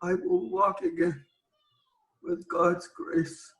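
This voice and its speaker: A man on a video call giving a tearful, halting personal testimony. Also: high-pitched, very animated, fairly bright tone, echoey room, rough recording. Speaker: community member.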